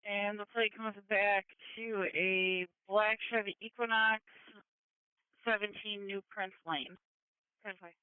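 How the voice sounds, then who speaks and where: A man with a high voice works police radio dispatch in clipped, procedural phrases. The sound is thin and phone-like, as heard over a scanner, with very clean diction and no room around it. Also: fairly even intonation, slow pace, clean tone, no room sound. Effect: police radio transmission. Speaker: emergency dispatcher and radio user. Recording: tinny, narrowband scanner radio.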